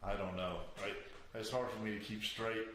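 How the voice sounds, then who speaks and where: A man's voice: lowish voice, little pitch movement, normal speed, fairly bright tone. A man hosting a show, chatting casually and rambling through a story with a joking, easygoing manner. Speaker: show host. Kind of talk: casual chat. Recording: echoey room with faint noise.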